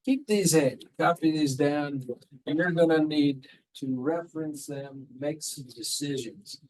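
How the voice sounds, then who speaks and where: Laid-back male teacher in a classroom, slow-paced and a bit high-voiced, coaxing answers from students. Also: a little mellow, poor audio. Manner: casual, quizzing the class with repeated prompts. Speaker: math teacher. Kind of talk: classroom lecture.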